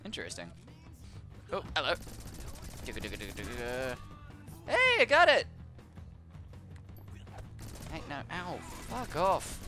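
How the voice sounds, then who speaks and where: A young man narrates his shooter game in a lively, bouncy voice, making silly gun noises and tossing out swears as he goes. His pitch rises and falls a lot, and clear game music plays behind him. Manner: playful, chatty, makes gun noises and swears. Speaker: gamer playing a shooter. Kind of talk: casual let's play commentary.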